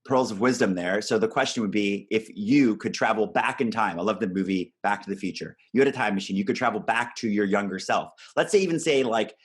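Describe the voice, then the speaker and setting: A man in his forties hosting an interview, chatting and telling his own anecdote in a relaxed, conversational way, quick to laugh. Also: fairly low pitch, husky. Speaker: podcast host.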